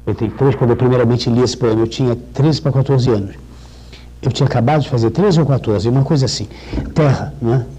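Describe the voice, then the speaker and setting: A middle-aged man teaching a literature class in a husky, mellow voice. He talks in a discursive way, stumbling over restarts, then slows right down to recite lines of verse. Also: mid-range voice, poor audio. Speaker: lecturer. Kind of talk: literature lecture with poem readings.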